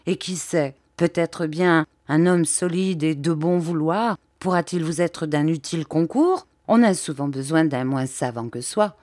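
A woman's voice: sits low, a little slow, few pauses, a little mellow, no room sound, clean studio sound. A woman voicing a bold, stubborn man who talks in blunt, slangy speech. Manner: blunt, colloquial, emphatic.

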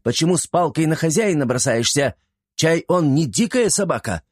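A man voicing a stern peasant woman who scolds her husband in a raised, lively voice. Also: on the high side, normal speed, breathy edge, no room sound, clean studio sound, voice pushed up. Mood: scolding.

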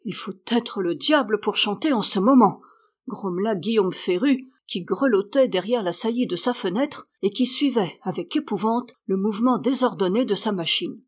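A woman narrating a classic novel as an audiobook reader, lifting her voice higher and louder for the characters' lines. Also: moderate pace. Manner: voices characters by rising in pitch and volume.

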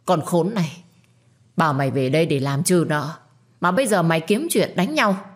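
A woman's voice: low-pitched, lively intonation, moderate pace. A woman voicing a domineering middle-aged mother in a storybook reading, harsh and scolding. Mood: furious. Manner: scolding, shouting.

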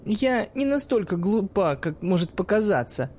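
A man voicing a cheeky, quick-tempered young woman who mocks and swears freely in a raised, high-pitched voice. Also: big pitch swings, darkish tone, slight background noise. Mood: defiant. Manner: cocky, mocking, swears freely.

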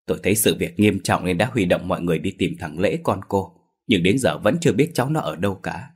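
Man voicing an alarmed old villager, urgent, deep husky voice. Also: expressive. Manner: hurried, urgent.

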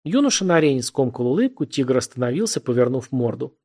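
A man narrating a novel as an audiobook in an expressive, vivid reading. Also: medium pitch, quick pace.

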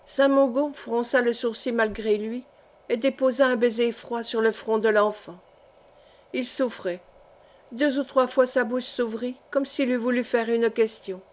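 Measured woman audiobook narrator. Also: fairly high pitch. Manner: measured, expressive reading. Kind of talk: scripted narration of a historical novel.

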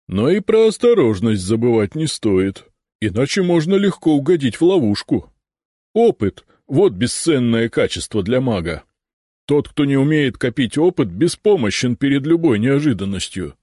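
A man's voice: medium pitch, sing-song, normal speed, dark tone, no room sound, studio quality, pitched above the performer's own voice. A man voicing the cautious, grudging right head of an ancient three-headed dragon guardian, lecturing about experience.

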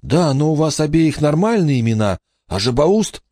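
A man's voice: a little high, sing-song, normal speed, mellow, dry recording, clean studio sound, voice pushed up. A man voicing a sulky, sarcastic boy, the middle sibling.

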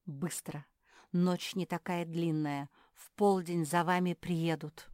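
A woman's voice: fairly low pitch, fairly even intonation, slow pace, darkish tone, no echo, studio quality. A woman doing a firm, bossy girl dog. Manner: firm and commanding. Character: firm, bossy young female dog leader.

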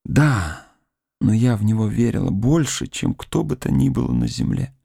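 A man's voice: mid-range voice, unhurried, gravelly, dark tone, dry recording, studio quality, voice pushed up. A man reading the part of a grieving young woman who mourns her dead fiancé, pleading and tearful. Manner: pleading, tearful, rising to cries. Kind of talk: audiobook character reading.

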